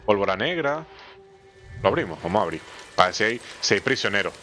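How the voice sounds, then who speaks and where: Male gamer, lively slangy commentary, clear game music behind. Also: on the low side, fairly quick. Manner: animated, slangy, talks to the game characters. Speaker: gameplay streamer. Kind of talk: let's play commentary.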